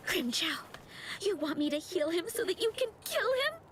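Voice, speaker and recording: A woman's voice: very high-pitched, big pitch swings, slow pace, fairly bright tone, a little hiss or hum, full character voice, rough recording. Orihime, a tearful girl. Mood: anxious. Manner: pleading, tearful. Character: gentle, frightened young woman healer. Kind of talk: game cutscene voice acting.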